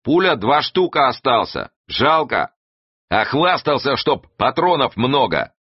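A man voicing an excitable male gunman who shouts in broken, ungrammatical speech. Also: mid-range voice, slow, slightly rough, no room sound, dull audio, pitched above the performer's own voice, full character voice. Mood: grumbling. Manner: shouting in broken Russian grammar.

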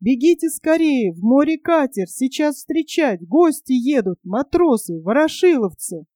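An excitable, jumpy boy from a storybook, chattering his news in a hurry, as a woman voices him. The voice rides high but stays mellow, recorded close and dry. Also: no echo. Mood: excited. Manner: hurried, chattering.

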